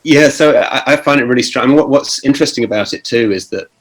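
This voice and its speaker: A man speaking on an online panel over a video call, thoughtful and halting, with many pauses and restarts. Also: mid-range voice.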